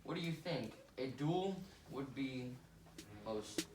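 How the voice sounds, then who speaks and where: A man's voice: medium pitch, lively intonation, slow. A man playing a hot-headed, boastful Southern congressman in a class skit, with a blustering, exaggerated delivery. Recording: echoey room, distant mic, noisy.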